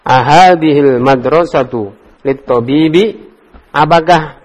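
A man's voice: fairly high pitch, takes it slowly, big-room sound. A male religious teacher leading a classroom Arabic grammar lesson. He quizzes his students one by one and explains each answer patiently, with the odd joke. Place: classroom study circle.

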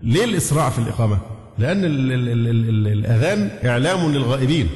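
A man's voice: mid-range voice, animated, rapid-fire, darkish tone, reverberant, in a large hall. A man with an Egyptian accent giving a religious lesson, explaining points and testing listeners with rhetorical questions, sometimes chanting short phrases to show correct pronunciation. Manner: demonstrates call-to-prayer pronunciations. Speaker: Islamic scholar teaching.

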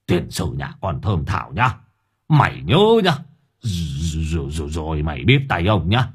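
A man's voice: sits low, huge pitch swings, a little slow, slightly rough, voice pushed down, full character voice. A man voicing a cranky old village man muttering threats in a storybook tale. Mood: grumbling.

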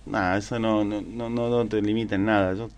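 A man from Argentina with an Argentine accent, a polo player guest answering questions in a relaxed, halting way. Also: on the low side. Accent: Argentine Spanish. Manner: relaxed, halting, with frequent restarts. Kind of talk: casual interview chat.

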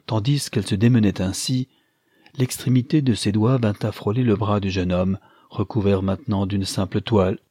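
A man narrating a classic novel in a measured, literary reading. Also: fairly low pitch, steady tone, dark tone, husky, dry recording, clean studio sound. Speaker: audiobook narrator. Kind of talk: scripted narration.

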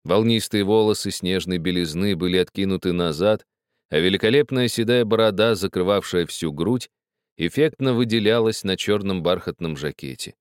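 A man narrating a story as an audiobook reader, with expressive, measured storytelling. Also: low voice, smooth, no echo, clean studio sound. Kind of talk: scripted narration.

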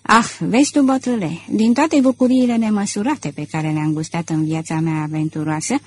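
A woman voicing a passionate, anxious middle-aged gentleman thief, with a husky voice. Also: lowish voice, fairly even intonation, close to an everyday voice. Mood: tender, ardent. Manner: earnest, brooding, heartfelt.

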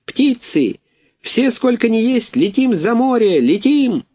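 A man voicing a bossy, hot-tempered gander who hisses and shouts orders. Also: low voice, slow. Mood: commanding. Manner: hissing threats, commanding shouts.

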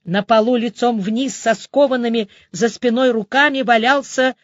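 Woman narrator, higher voice, ironic first-person audiobook, dry booth. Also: normal speed, no room sound, muffled recording.

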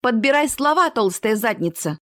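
A woman voicing a bold, quick-tempered young sorceress in an audiobook. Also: on the high side, animated, fairly bright tone, dry recording, studio quality. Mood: spirited. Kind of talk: audiobook character reading.

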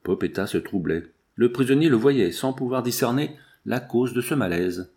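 A man narrates a novel as an audiobook reader. His delivery is steady and measured. His voice sits at an ordinary pitch for a man. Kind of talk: scripted narration.

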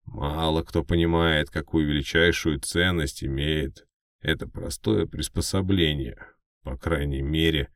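A man's voice: very deep voice, fairly even intonation, measured pace, dry recording, clean studio sound. A man narrating first-person fiction as an audiobook reader, in a scripted storytelling style.

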